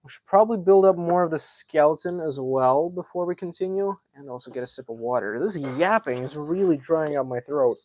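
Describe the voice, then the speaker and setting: A man's voice: a little high, brisk, few pauses, darkish tone, dry recording. A man hosting a casual live stream, chatting and thinking aloud as he builds, a self-described yapper. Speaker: livestream host.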